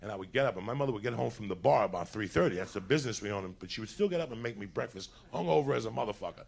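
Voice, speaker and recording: A man from New City, telling a crude, animated story and laughing through it. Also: on the low side, rapid-fire, vocal fry, slightly rough. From New York City. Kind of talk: profane comedic storytelling.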